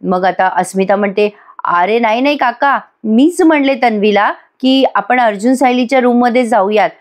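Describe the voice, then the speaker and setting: A woman's voice: fairly high pitch, normal speed. A woman giving a voice-over recap of a TV serial episode, talking straight to her viewers and lifting her voice to act out the characters' lines. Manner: retells scenes acting out characters' lines, addresses viewers directly. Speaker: TV serial reviewer. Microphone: voice-over recorded separately.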